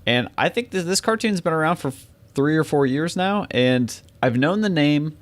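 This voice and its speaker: A man's voice: fairly high pitch, lively intonation, moderate pace. A man hosting a podcast in a casual, conversational style. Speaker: podcast host. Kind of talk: casual chat.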